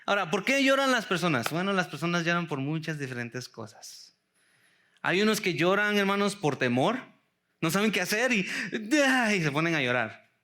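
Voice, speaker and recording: A male pastor delivers a sermon in a church, his voice pitched high and bright with a sharp, forward edge. He speaks to the congregation as brothers, throws out rhetorical questions and drops English words into his Spanish. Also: big pitch swings, normal speed. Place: church sanctuary.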